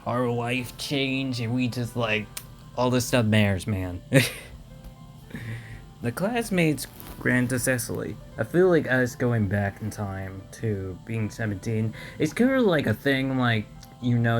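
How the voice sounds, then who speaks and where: Slow, gravelly man reading a game. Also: medium pitch. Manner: halting reading, stumbles and restarts on words. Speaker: let's play host reading a visual novel. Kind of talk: reading game text aloud with casual commentary.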